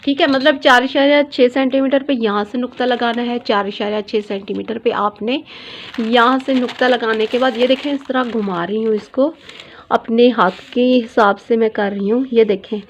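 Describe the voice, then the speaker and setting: A woman's voice: fairly high pitch, fairly even intonation, normal speed, muffled recording, slight background noise. A woman, a dress designer teaching pattern drafting step by step, patiently repeating every measurement. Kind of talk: step-by-step sewing tutorial.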